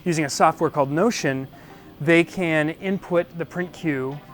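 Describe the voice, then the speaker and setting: A man with a somewhat high voice narrates a casual vlog tour of his small business. He talks informally and thinks aloud, poking a little fun at himself. Faint music runs behind his voice. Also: a little slow. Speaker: business owner giving a shop tour. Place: indoors, small business office and print shop.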